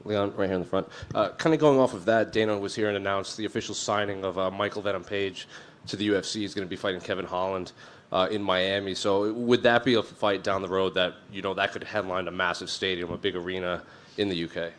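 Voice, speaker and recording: A man's voice: deep voice, steady tone, quick pace, few pauses. A man working as a sports reporter, asking questions from the floor of a press conference.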